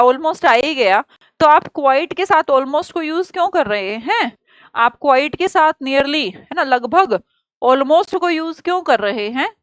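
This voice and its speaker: A woman with an Indian accent gives an exam-prep grammar lesson in a high, bright-pitched voice. She explains with lively rhetorical questions and calls her students "child". The sound is close and dry, with no room echo. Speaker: teacher.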